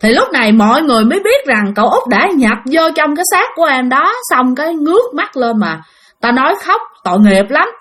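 A woman with a high-sitting, fairly bright voice tells a casual ghost story at a brisk pace. Very animated and chatty, she speaks in a Southern Vietnamese accent and addresses her listeners directly.

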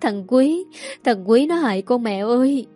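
A frightened young woman in an audiobook story pleads anxiously, as a woman reader puts her on. The tone is soft and mellow rather than bright. Soft music plays faintly behind her. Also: on the high side, animated, unhurried. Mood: pleading. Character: frightened young woman student, pregnant, tearful.

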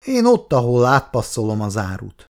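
A man's voice: mid-range voice, huge pitch swings, a little mellow. A man voicing a tough, bossy teenage boy who leads a street gang and gives commands. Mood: commanding. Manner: commanding, threatening.

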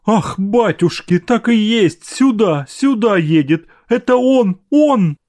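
A man's voice: medium pitch, very animated, slow pace, warm tone, no room sound, clean studio sound. A man voicing a tearful fretful old mother. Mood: frantic. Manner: emotional, crying out.

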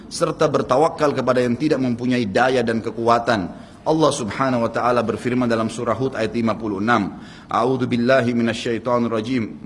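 A man with an Indonesian accent preaching a sermon, earnest and speaking straight to his audience, his pitch swinging up and down for emphasis. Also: breathy edge, in a large hall. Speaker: Islamic preacher.

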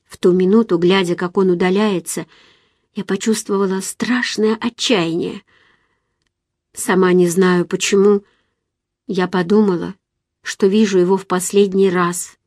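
A woman narrating an audiobook in a calm, measured, introspective way. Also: mid-range voice, no room sound, studio quality. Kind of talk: scripted narration.

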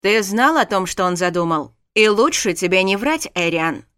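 A woman's voice: mid-range voice, animated, moderate pace, a bit bright, clear, resonant tone, dry recording, clean studio sound, close to an everyday voice. A woman voicing a stern young prince who threatens and commands. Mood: threatening. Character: angry royal prince, stern young husband.

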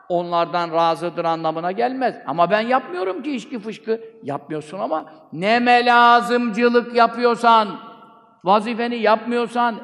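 A man preaching a sermon from a pulpit microphone, fervently asking rhetorical questions and answering them himself. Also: extremely high pitch. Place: speaking from a pulpit. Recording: long hall reverb.

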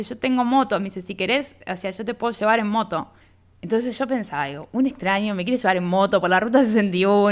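A woman from Argentina with an Argentine accent, a guest on a radio interview, telling a travel anecdote in a casual way and acting out both sides of a conversation. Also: medium pitch. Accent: Argentine Spanish. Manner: lively anecdotal, reenacts dialogue with "me dice".

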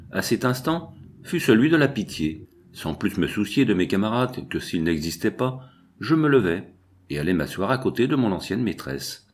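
A man reading a novel aloud in first person, with measured, expressive storytelling. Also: on the low side. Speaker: audiobook narrator.

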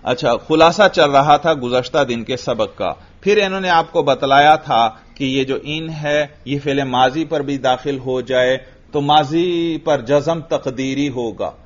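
A man with a Pakistani Urdu accent teaches a class, pitching short questions and then echoing the students' replies back to them. His voice sits at an ordinary middle pitch. The recording is dull and lo-fi. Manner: drills the class with quick questions and repeats their answers. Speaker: religious teacher. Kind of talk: classroom grammar lecture.

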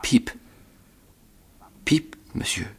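A man's voice: low-pitched, fairly quick, exaggerated voice. A man voicing a terrified little boy, whispery. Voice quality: hushed, breathy pleading. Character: small terrified orphan boy, pleading. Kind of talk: radio drama reading.

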